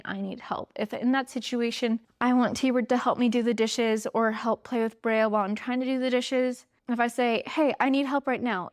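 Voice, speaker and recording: Young woman chatting solo, slightly high voice, acts out little quotes, super dry close mic. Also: no echo. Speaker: podcast host. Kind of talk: casual solo talk.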